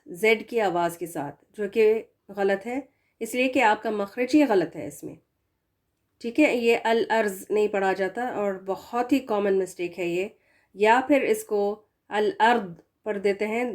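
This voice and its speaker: A woman teaching a recitation lesson, explaining patiently and stretching out the example words slowly. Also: mid-range voice, darkish tone. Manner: patient explaining, slow drawn-out demo words. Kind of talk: tajweed lesson.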